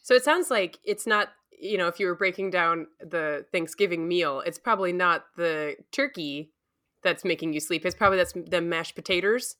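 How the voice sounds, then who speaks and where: A woman co-hosting a podcast, playful and quick to jump in with guesses and jokes. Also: fairly low pitch, fairly bright tone. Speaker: podcast co-host. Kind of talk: casual podcast chat.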